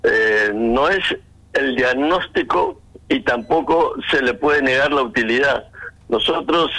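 Man, bright voice, doctor on the phone, measured explanations, phone-line sound. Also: medium pitch. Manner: measured, explanatory, hesitant restarts. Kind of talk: phone interview.

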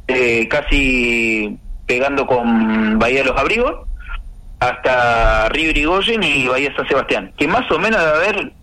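A man's voice: medium pitch, pushed and bright, rough recording. An Argentine man, a guest in an interview, explaining insistently and piling up examples. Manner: insistent, piles up examples, trails off with "no sé". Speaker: interview guest, housing activist.

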